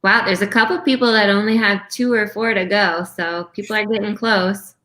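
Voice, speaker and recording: A woman's voice: medium pitch, fairly even intonation, normal speed, a bit bright. A woman chatting casually as co-host of an online bingo game. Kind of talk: casual chat.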